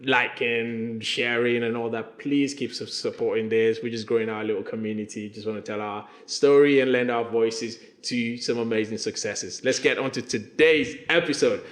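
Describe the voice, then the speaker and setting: A man's voice: mid-range voice, normal speed, hardly any pauses. Guy hosting a chat show, hyped and playful, stacks up words like a hype man. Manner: animated, playful hype intro with repetitions. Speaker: podcast host. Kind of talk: energetic interview banter.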